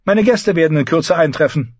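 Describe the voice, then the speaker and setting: A man's voice: on the high side, lively intonation, normal speed, darkish tone, breathy edge, no room sound, dull audio, voice pushed up. A man reading an audiobook, voicing a cold, commanding queen who talks down to her son. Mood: imperious. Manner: commanding, cutting, condescending. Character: imperious queen mother, cold and sharp.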